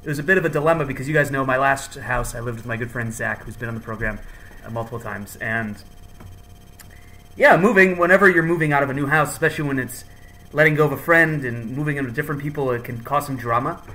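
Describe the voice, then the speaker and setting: Bright, forceful male podcast host. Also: medium pitch, fast talker, slight background noise, poor audio. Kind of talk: casual chat.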